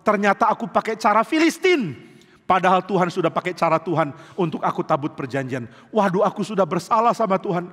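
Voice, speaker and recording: Earnest pleading king, as a male preacher puts him on, fairly high voice, heartfelt, prayer-like, ringing in a big church hall. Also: expressive, brisk, a bit bright. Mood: repentant. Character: earnest emotional ancient king, grieving then contrite. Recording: long reverb of a large church hall.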